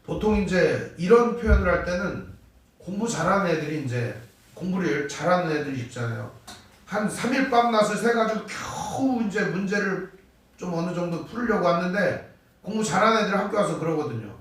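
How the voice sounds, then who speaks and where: High, lively-voiced pastor in echoey hall. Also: male voice, moderate pace, recorded from a distance. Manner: rhetorical questions, acting out quoted lines with swings in pitch and loudness. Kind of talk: Wednesday service sermon. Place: church sanctuary. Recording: very echoey church hall, voice from off-mic.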